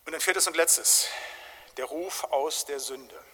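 A man's voice: on the high side, takes it slowly, pushed and bright. A man preaching a sermon in an emphatic, colloquial way, often tagging his points with short questions. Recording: long reverb of a large hall.

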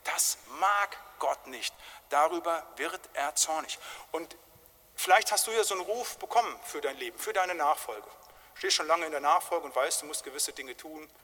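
In a large hall with long reverb, a man delivers a forceful, conversational sermon, often ending his points with quick questions. He speaks at a normal speed in a slightly high, sharp-toned voice.

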